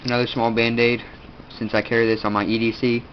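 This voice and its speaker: A teenage video host, his nose stuffed up, rambles through a casual gear show-and-tell in a mid-range voice with a level tone. His speech is halting and full of fillers. The audio is lo-fi and dull, with faint room noise.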